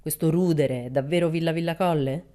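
Woman reader as a brusque, stuffy gentleman, low and dark-toned, storybook. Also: brisk, close to an everyday voice. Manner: curt and scolding. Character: haughty, stern gentleman, brusque and dismissive.

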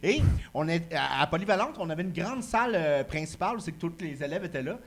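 A man with a Quebec French accent telling a casual story, excitable and swearing now and then. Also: on the high side, fast, vocal fry.

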